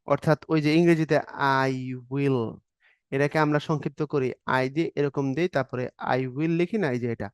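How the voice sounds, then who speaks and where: A man's voice: fairly high pitch, steady tone, normal speed, smooth, no room sound, studio quality. A man teaching an exam-prep Bangla grammar lesson, explaining step by step, acting out short example questions and answers, and often checking that the students are following.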